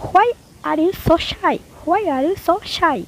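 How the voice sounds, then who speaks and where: High-voiced woman teaching English slowly. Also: noisy background. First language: Bengali. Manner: reads each English sentence twice, slowly and deliberately. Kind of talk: slow, repeated phrase-by-phrase teaching.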